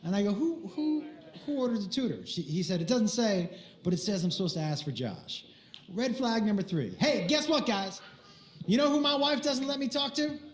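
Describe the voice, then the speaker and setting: Reverberant audio captures a high-pitched male comic speaking at normal speed; he acts out voices while delivering a crude prank tale on stage, full of crude jokes.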